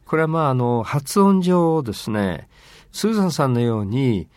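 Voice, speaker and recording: A man's voice: medium pitch, normal speed, dry recording, clean studio sound. A man co-hosting a casual bilingual talk about language, chatty, with lots of fillers and playful asides. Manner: lively, lots of rhetorical fillers and playful quoted voices. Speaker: co-host explaining language.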